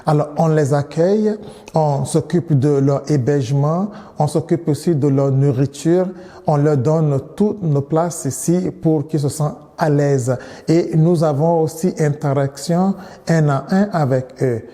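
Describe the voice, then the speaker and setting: A man in his thirties from Nigeria, a priest giving interview answers in a measured way, often restarting and repeating words. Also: fairly high pitch, warm tone, long reverb tail.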